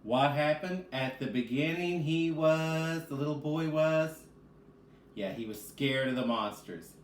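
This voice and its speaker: With a fairly high pitch and a slightly slow delivery, a man who teaches reading speaks to children in a read-aloud lesson. He addresses them directly, asking and answering his own questions, in a room that echoes and has faint background noise.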